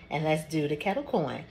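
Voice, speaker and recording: A woman's voice: low voice, darkish tone. A woman hosting a casual cooking vlog, chatting and tasting food on camera. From Georgia, US. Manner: chatty, tastes on camera with mouth full. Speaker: cooking channel host. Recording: audible background noise.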